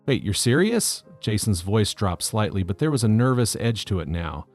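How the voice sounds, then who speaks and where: A man calmly reading out a first-person story as scripted narration. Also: lowish voice, moderate pace, soft background music.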